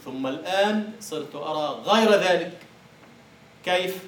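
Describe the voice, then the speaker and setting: A man's voice: a little high, expressive, measured pace, slight background noise. Man lecturing in an echoey classroom. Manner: explains with rhetorical questions. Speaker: university lecturer. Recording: echoey room from far off.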